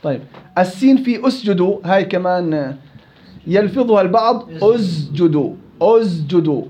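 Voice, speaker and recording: A man teaching Quran recitation rules to students in a classroom. He corrects them, repeats syllables to demonstrate each sound, and recites verses slowly. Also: high-pitched, expressive, darkish tone. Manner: slow, drawn-out recitation of verses. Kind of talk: tajweed lesson with students. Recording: dull lo-fi recording.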